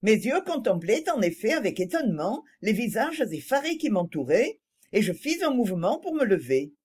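Expressive woman reading a novel aloud. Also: medium pitch, moderate pace, husky. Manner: expressive first-person storytelling. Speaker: narrator. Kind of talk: scripted audiobook narration.

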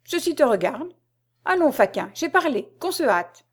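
A woman's voice: medium pitch, normal speed, close to an everyday voice. A woman reading aloud and voicing an imperious male prince regent who gives brusque orders in a raised voice. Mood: commanding.

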